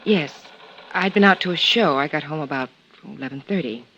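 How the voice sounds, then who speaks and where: In a 1950s radio drama, a man voices a prim, nervous female secretary, speaking hesitantly and carefully. His voice is slightly high and sharp, at normal speed. The recording sounds dull and old, with hiss.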